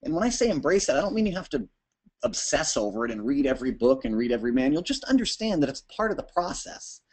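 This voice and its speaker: Fast-talking man giving a webinar. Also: a little high. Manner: energetic, talks fast with frequent restarts and ums. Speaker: webinar presenter. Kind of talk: informal talk to users.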